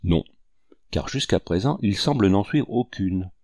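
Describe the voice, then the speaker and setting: A man's voice: fairly low pitch, expressive, measured pace, mellow, dry recording, studio quality. A man voicing a jovial Creole general in his thirties bringing urgent news.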